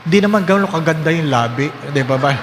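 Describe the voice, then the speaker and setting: Lively priest preaching in echoing hall. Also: male voice, on the high side, fairly quick, heavy background noise. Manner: lively, questioning the congregation, joking. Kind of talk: sermon. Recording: echoey hall with faint ambience.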